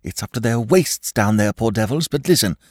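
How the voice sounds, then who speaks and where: A man's voice: fairly low pitch, animated, brisk, no room sound, studio quality, pitched above the performer's own voice. A man voicing a shell-shocked young aristocrat, frantic and shivering, his voice climbing in panic. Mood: panicked. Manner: frantic, rising to cries. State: shivering, teeth chattering.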